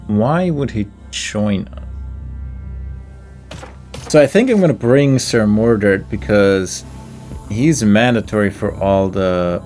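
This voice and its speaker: A let's play host muses to himself over faint game music, deliberating aloud about his choices in casual commentary. His lowish, slightly mellow voice moves slowly, with long pauses.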